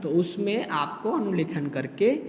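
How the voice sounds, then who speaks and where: A man teaching a school lesson, slowly and deliberately reading out letters and repeating them for the pupils to follow. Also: high voice, sing-song, echoey room, long reverb tail, a little hiss or hum.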